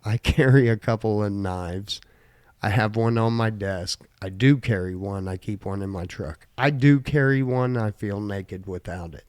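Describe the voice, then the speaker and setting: Casual podcast host: a man with a slight Southern twang, laid-back, reading quiz questions, pitched a bit low, dry sound. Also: moderate pace, darkish tone, no echo.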